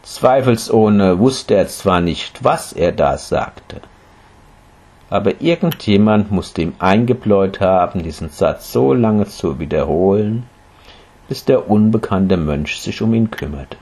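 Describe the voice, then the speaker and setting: A man reads a story aloud with expressive, dramatic delivery. His voice is low and husky, and his pitch swings widely as he builds each scene. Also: unhurried. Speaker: narrator. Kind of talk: scripted storytelling reading.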